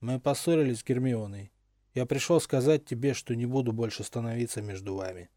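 A man's voice: medium pitch, a little fast, warm tone, no room sound, clean studio sound, natural voice. A man voicing an anxious, jealous young friend. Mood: tense. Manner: agitated, insistent.

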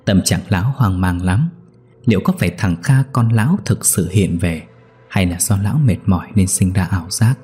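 A low, dark, very husky male voice tells a ghost story in a slow, somber way. Soft music plays faintly under the narration. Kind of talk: scripted horror story narration.

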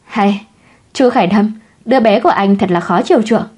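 A woman voicing a young pregnant wife who speaks softly and candidly, a little pouty. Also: medium pitch, moderate pace, slightly rough, close to an everyday voice. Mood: gentle.

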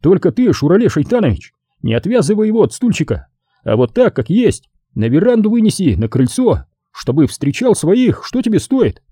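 Guy doing a cheeky sailor, high playful teasing voice, dry sound. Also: very animated, moderate pace, mellow, husky, no echo, exaggerated voice. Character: cheeky young male sailor, joking and easygoing.

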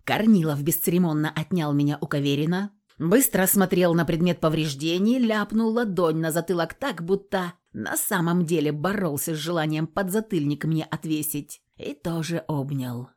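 A woman narrating a first-person novel aloud in an expressive, heated way. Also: low voice, moderate pace. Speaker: audiobook narrator.

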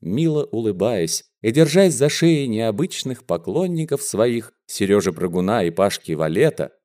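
Man, audiobook narrator, animated intonation, mellow dark tone, theatrical reading. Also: on the low side, normal speed. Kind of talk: scripted literary narration.

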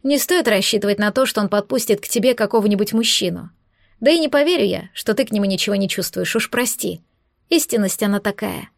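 A woman voicing a gentle, persuasive female demon in an audiobook, speaking softly and reassuringly. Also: mid-range voice, fast, gravelly, no echo, studio quality, lightly acted. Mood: coaxing. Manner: soft, coaxing, reassuring.

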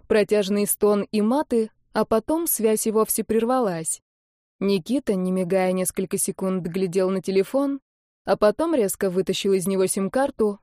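A woman narrating a dramatic novel in steady storytelling style. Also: mid-range voice, no room sound, clean studio sound. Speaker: audiobook narrator. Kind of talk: scripted narration.

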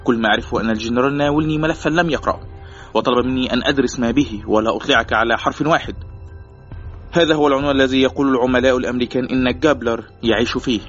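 A man's voice: mid-range voice, fairly even intonation, racing, a bit bright, voice pushed up, close to an everyday voice. A man voicing a nervous, stubborn German informant in an audiobook, evasive and defensive, in a slightly muffled recording with faint music. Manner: defensive, evasive, rising to indignant. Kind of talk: audiobook character voice.

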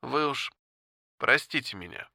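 A man voicing a dying old woman pilot who speaks calmly in a gentle, folksy, resigned way, in an audiobook. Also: mid-range voice, a little slow, creaky, no room sound, studio quality, exaggerated voice. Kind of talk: audiobook character voice.

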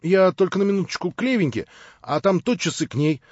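A man's voice: high-pitched, lively intonation, brisk, darkish tone, no echo. Man reading a plaintive naive young man. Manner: plaintive, rambling. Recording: dry, slightly dull lo-fi audio.

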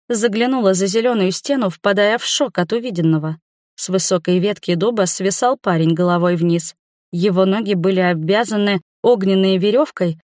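Woman, audiobook narrator, first-person fantasy reading, expressive, mid-pitched, dry close sound. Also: dry recording.

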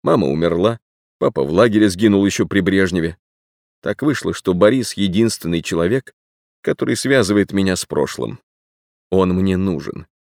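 A man reading an audiobook plays a frank, wistful man of about forty-two who speaks earnestly and gravely. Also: low-pitched, lively intonation, normal speed, darkish tone, dry recording, clean studio sound. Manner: earnest, grave, sentimental confession.

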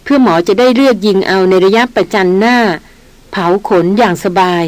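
A woman voicing a calm, measured male veteran jungle hunter who explains slowly and steadily in an audiobook. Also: medium pitch, no echo, natural voice, low-quality recording.

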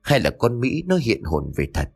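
A man voicing a stern middle-aged man with a dark secret, scolding and curt, in a spoken ghost story. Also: fairly low pitch, huge pitch swings, normal speed, vocal fry, slightly rough, full character voice. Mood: muttering.

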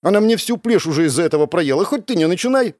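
A man's voice: high-pitched, no room sound, studio quality, pitched above the performer's own voice. A man playing a cheeky bossy young girl. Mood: teasing. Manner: teasing, quick, lively. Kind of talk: audiobook character voice.

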